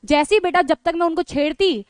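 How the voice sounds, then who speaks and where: High-voiced chatty woman teacher, dry sound. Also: fairly quick, dry recording. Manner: animated, chatty, keeps calling the students "beta" and checking with "theek hai"; breaks into laughter while telling the story. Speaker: online teacher. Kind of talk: casual storytelling to students.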